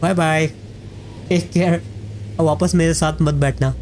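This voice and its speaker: A man giving chatty let's-play commentary, talking straight to his viewers as friends. His voice runs high for a man, and steady game noise sits clearly under it. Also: a little slow. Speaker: gaming YouTuber.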